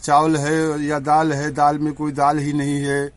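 A man's voice: fairly high pitch, monotone, unhurried. A village man and father answering a reporter's questions in a plain-spoken, complaining way. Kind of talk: answering a street interview.

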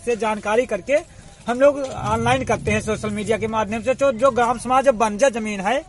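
A man's voice: extremely high pitch, moderate pace, slight background noise. A man working as a community radio reporter, doing a chatty field interview in a village and often repeating short fillers.

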